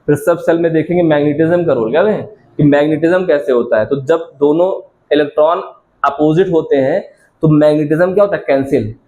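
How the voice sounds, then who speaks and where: A man's voice: a little high, fairly quick, mellow, dull audio. Man quizzing students in a lecture. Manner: keeps quizzing students with repeated questions, answers them himself; addresses students affectionately, calls them child. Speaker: science teacher. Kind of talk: classroom lecture.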